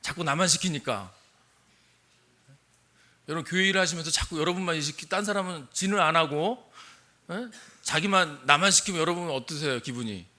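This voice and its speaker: A man's voice: on the high side, brisk, pushed and bright. An older man, a missionary pastor, preaching a sermon and asking his congregation questions. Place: church sanctuary.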